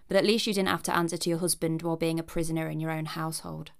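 A woman's voice: low voice, little pitch movement, rapid-fire, creaky, clear, resonant tone. A woman giving a scripted narration with chatty asides in a wry, cheeky, conversational manner.

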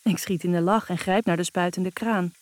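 A woman narrating a first-person romance audiobook in an intimate, even storytelling manner. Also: on the low side, moderate pace, no room sound.

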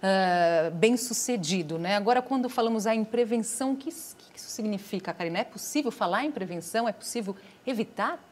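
A woman hosting a studio interview, asking measured questions and summing up her guests' points. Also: medium pitch, lively intonation. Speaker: TV host.

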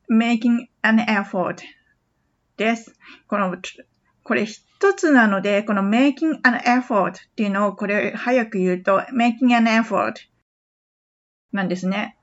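A woman hosting a podcast English lesson, patiently repeating phrases slowly for practice. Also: mid-range voice, a bit bright, muffled recording. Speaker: English teacher.

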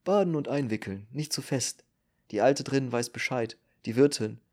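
A man's voice: mid-range voice, moderate pace, darkish tone, natural voice. A man voicing a curt, growling, exhausted male doctor in an audiobook. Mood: gruff. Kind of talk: audiobook character reading.

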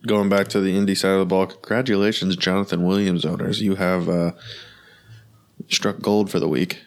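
A man's voice: deep voice, flat delivery, moderate pace. A man co-hosting a sports podcast while sick, his voice congested and nasal, talking in a rambling way full of fillers. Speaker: co-host. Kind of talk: casual sports podcast chat.

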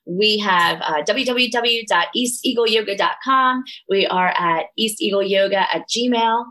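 A middle-aged woman speaks with a Delco accent from the Philadelphia area. She sounds earnest and enthusiastic, chatting casually at a medium pitch as she answers an interviewer. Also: a little slow, pushed and bright. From Delaware County, Pennsylvania, US. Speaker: yoga studio owner, interview guest.

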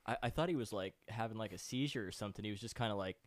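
A man co-hosting a podcast who tells stories animatedly and swears often, acting out the other characters' lines loudly. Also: on the low side, very fast, dry recording. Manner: animated, profane storyteller who acts out other people's lines with loud outbursts. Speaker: podcast co-host. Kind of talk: casual chat, swapping road-trip stories.

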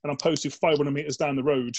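A man's voice: a little high, fairly even intonation, fast talker, a little mellow, slightly rough. A man, a former soldier, telling anecdotes in a casual interview, chatty and blokey, with frequent "like" and swearing, and acting out the voices in his stories. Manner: chatty and blokey, peppered with "like" and swearing, acts out quoted dialogue.

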